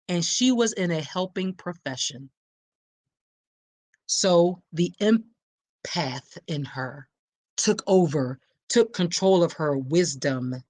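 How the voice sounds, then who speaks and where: A woman's voice: on the low side, no echo. Emphatic Philly-accented woman, middle-aged podcast host, very dry close sound. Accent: Philadelphia. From Philadelphia, USA. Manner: animated, talks directly to listeners, emphatic. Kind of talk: book discussion podcast.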